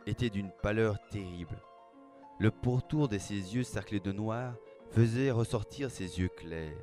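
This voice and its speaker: A man narrating a dark fantasy story aloud, with a measured, dramatic reading. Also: low voice. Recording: faint background music.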